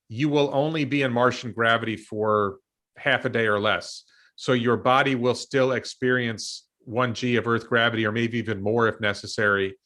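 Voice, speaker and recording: American man, 50s, bright tone, casual talk show host, rambling with restarts. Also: mid-range voice. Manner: thinks aloud with many ums and restarts. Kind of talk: casual discussion.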